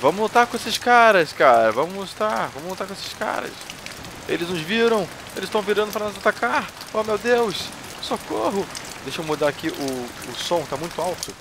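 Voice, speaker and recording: Gaming commentator, male, excitable, loud in fights, swears, somewhat high voice, steady rain noise behind. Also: brisk. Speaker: gaming YouTuber. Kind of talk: let's play commentary.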